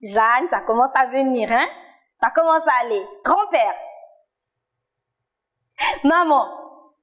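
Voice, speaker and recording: A woman leads a children's church lesson, calling out words for a sign language game. Her voice sits high, and she speaks very slowly and patiently. She praises the children often and encourages them warmly. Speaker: children's Sunday school teacher. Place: church TV studio.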